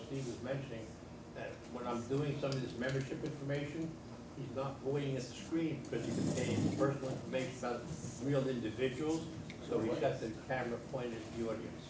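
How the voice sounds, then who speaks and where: Teaching a workshop in a meeting room before an audience, this presenter is loud, repetitive and plain-spoken, with a medium-pitched voice. The recording is noisy and echoey, captured from a distant microphone.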